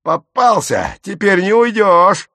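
A man voicing a quick-witted teenage boy who yells angrily to trick his captors, in an audiobook. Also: fairly low pitch, no room sound, clean studio sound, lightly acted. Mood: shouting. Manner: yells angrily to fool the stormtroopers.

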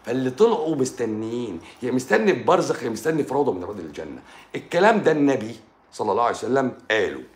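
A man with an Egyptian Arabic accent giving a lively religious talk on a live stream, repeating phrases and speaking straight to the listener. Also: medium pitch, rapid-fire, roomy sound. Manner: animated, addresses listener directly, repeats phrases.

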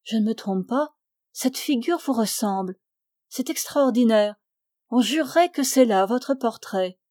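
A woman's voice: fairly high pitch, expressive, a little slow, mellow, dry recording, studio quality. A woman reading a teasing young woman. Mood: admiring. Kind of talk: audiobook dialogue reading.

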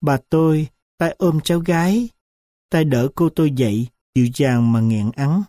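A man narrating a story slowly and solemnly, his voice dark and mellow. The recording is dry and close, with no room behind him. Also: medium pitch, expressive, no room sound. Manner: slow, solemn and reflective.

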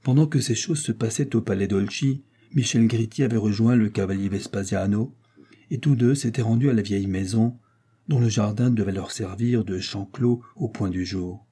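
A man narrating a classic novel in a measured, dramatic storytelling manner. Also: fairly low pitch, dark tone, slightly rough. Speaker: audiobook narrator. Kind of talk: literary audiobook narration.

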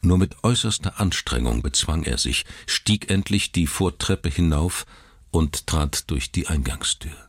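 A man narrating a literary story in a measured, dramatic reading. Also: very deep voice, lively intonation, slightly rough, no room sound, clean studio sound.

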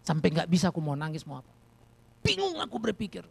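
A middle-aged man preaching a sermon as a pastor, telling personal stories in a lively, animated way. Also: a little high, quick pace. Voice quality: gravelly.

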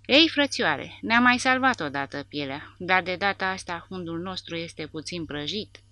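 A woman voicing an easygoing male veteran soldier who jokes calmly under fire. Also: fairly low pitch, no room sound. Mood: cheerful.

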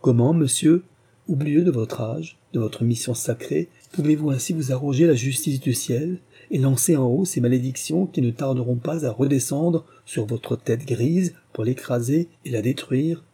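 A man's voice: medium pitch, moderate pace, warm tone, breathy edge. A man voicing a proud, resolute young soldier son in a read-aloud novel, speaking firmly and steadily.

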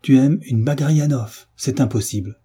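A man's voice: moderate pace, mellow, slightly rough. A man voicing a proud, bitter old peasant father who flies into rage at his son. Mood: enraged. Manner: raging outbursts, then low and broken.

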